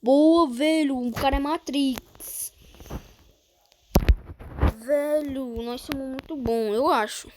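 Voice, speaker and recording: A woman with a Brazilian Portuguese accent giving excitable gameplay commentary, often breaking into panicked exclamations. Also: sits high, takes it slowly, pauses often, slight background noise. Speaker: gamer streamer.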